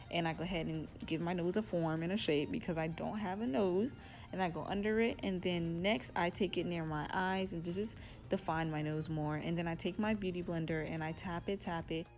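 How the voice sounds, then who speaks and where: A young woman talking casually through a makeup tutorial and telling a story in a chatty, animated way. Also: on the low side, a little fast, soft background music. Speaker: beauty vlogger.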